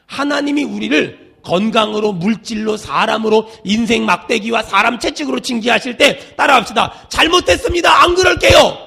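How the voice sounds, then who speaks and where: A middle-aged male senior pastor preaching a sermon, leading the congregation in call-and-response and swinging between loud shouts and hushed asides. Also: sits high, normal speed, creaky, few pauses, slightly rough.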